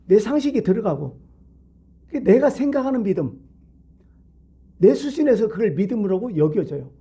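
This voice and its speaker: Guy pastor preaching at a wednesday service, kinda husky breathy voice, asks the room lots of questions. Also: sits high, very animated, moderate pace, dark tone. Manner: conversational preaching with rhetorical questions. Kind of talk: midweek sermon. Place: church sanctuary.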